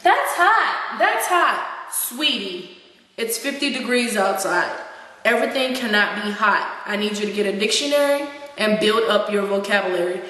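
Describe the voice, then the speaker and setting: A woman's voice: medium pitch, lively intonation, normal speed, bright, forceful tone. A woman playing a sassy slang-slinging old philosopher. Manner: ranting, slangy, indignant. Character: sassy slang-talking male philosopher, indignant. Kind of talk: amateur skit role-play. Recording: echoey hall from far off.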